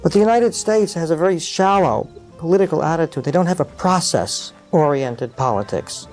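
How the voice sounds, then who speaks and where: Middle-aged male guest, mellow, slightly high voice, reflective and filler-heavy, soft music behind. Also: normal speed. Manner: thoughtful, many uh fillers, animated explaining. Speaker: interview guest, psychologist. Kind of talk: reflective interview conversation.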